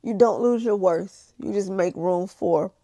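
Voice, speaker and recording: A woman talks casually and openly, as if confiding in her vlog viewers. Her voice has a noticeable creak and a slightly toothless softness to the consonants. She repeats phrases for emphasis, and the recording is dry with very little room sound. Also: mid-range voice, a little slow, no room sound. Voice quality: missing-teeth, slightly slushy toothless articulation. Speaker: vlogger. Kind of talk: casual confessional vlog chat. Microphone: small handheld vlogging camera.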